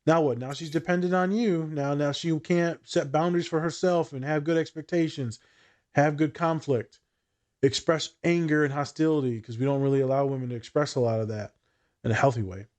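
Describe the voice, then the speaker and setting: A man's voice: a little high, steady tone, brisk, darkish tone. Candid, sweary male podcast host. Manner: candid, heavily sweary, slangy, joking. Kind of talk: casual podcast chat, storytelling.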